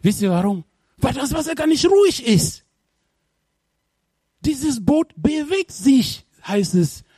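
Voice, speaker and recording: A male preacher delivers an animated sermon, peppering the congregation with questions and at times bursting into shouts. His voice sits high and leaps around lively. It sounds husky and dry, close to the mic. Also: slow pace, no room sound. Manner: bursts into shouts when retelling.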